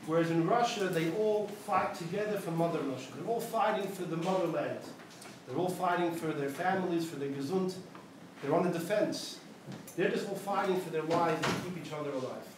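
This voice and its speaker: A man, a rabbi, telling a story to a gathering in a synagogue with an animated storyteller's manner, dropping in Yiddish words. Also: on the high side, brisk. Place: synagogue hall. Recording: very echoey hall, distant mic, noisy.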